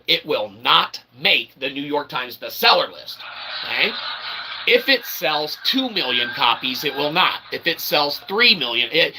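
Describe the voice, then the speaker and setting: This self-published author and channel host speaks in a fairly high, gravelly, slightly rough voice with a sharp edge, captured on a low-quality recording. Addressing his audience, he rambles through an explanation in wordy, pseudo-academic language, often tossing in short tag questions.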